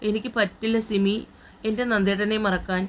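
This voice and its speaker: A woman's voice: medium pitch, little pitch movement, moderate pace, a little hiss or hum, natural voice. A woman voicing a heartbroken young woman who pleads through tears in a romance audiobook. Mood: despairing. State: crying.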